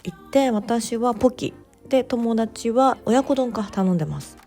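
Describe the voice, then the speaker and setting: A woman narrating her vlog in a relaxed voice-over, chatty and gently enthusiastic, with soft fillers. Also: on the high side, measured pace, faint music behind. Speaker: bookstore owner vlogger.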